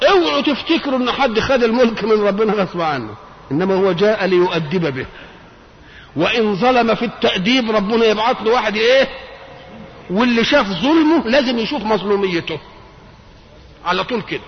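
A man's voice: high-pitched, animated, brisk. A man with an Egyptian accent explaining Quran verses in a religious lecture, moving between everyday Egyptian speech and classical recitation, his voice rising sharply on points of emphasis. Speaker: Quran commentator. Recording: dull lo-fi archive tape with faint hiss.

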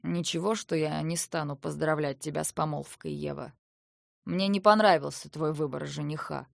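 A woman reading the part of a wounded, sardonic male dragon-shifter, in a slow mocking drawl. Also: deep voice, fairly even intonation, gravelly, dry recording, studio quality, voice pushed down.

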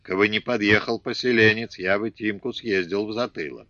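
A man voicing a slow-witted, indifferent young peasant who talks sluggishly. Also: lowish voice, bright, forceful tone, dry recording, dull audio. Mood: dull.

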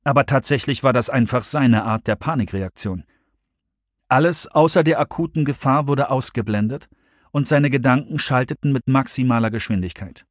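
An audiobook narrator reads a thriller in a measured storytelling manner, delivering scripted narration. His voice is medium in pitch, and the studio-quality recording has no echo.

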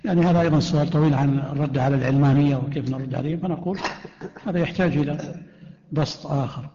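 A man's voice: a little high, racing, mellow. A man teaching a creed class as a sheikh, reading out written questions and answering each in short, firm statements. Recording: echoey lo-fi hall recording.

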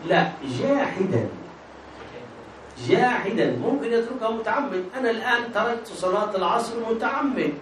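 Egyptian male teacher, high-pitched, quizzing style, distant and echoey. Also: quick pace, few pauses. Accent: Egyptian Arabic. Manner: quizzes students with prompting half-questions. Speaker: religious teacher. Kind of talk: classroom lesson on jurisprudence. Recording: echoey room, distant mic, faint hiss.

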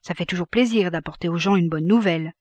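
A woman reading the part of a calm, businesslike male notary in a grave, measured tone for an audiobook. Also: high voice, no room sound, muffled recording.

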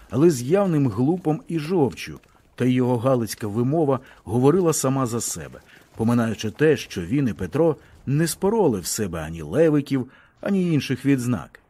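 A man reading a novel aloud as an audiobook, with expressive storytelling. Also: medium pitch, brisk, slightly rough. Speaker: audiobook reader. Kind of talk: scripted narration of a novel.

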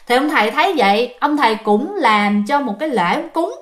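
Woman, Southern Vietnamese accent, high voice, chatty ghost-story narration, talks to listeners. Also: animated, fairly quick. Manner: chatty, addresses listeners directly. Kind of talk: casual spoken storytelling.

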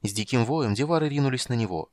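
A man narrating a fantasy audiobook in a brisk, dramatic reading. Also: mid-range voice, expressive, a little mellow, dry recording.

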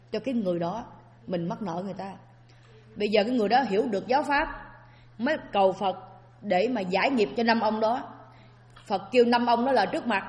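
A woman's voice: a little high, a little mellow. A woman giving a Buddhist Dharma talk as a sermon, often asking her listeners rhetorical questions. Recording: long hall reverb.

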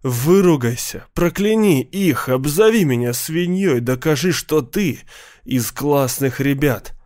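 A man's voice: a little high, expressive, unhurried, a little mellow, no room sound, studio quality. A man voicing a desperate, earnest teenage boy pleading with a girl. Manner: pleading, insistent.

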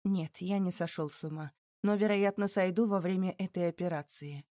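A woman voicing a sorrowful male police chief who speaks in a measured, regretful way. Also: fairly low pitch, dark tone, no room sound, studio quality, close to an everyday voice. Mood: grave.

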